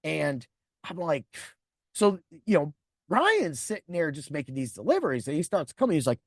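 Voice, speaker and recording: A man's voice: on the high side, big pitch swings, normal speed, slightly rough, dry recording, studio quality. A man in his forties, a podcast host, telling a profane personal story and acting out the people in it. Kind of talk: storytelling monologue.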